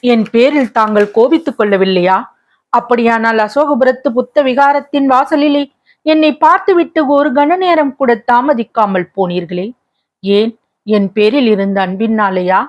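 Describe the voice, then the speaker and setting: A woman's voice: a little high, normal speed, close to an everyday voice. A woman voicing a tearful lovelorn young woman. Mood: wistful. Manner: plaintive, pleading tone.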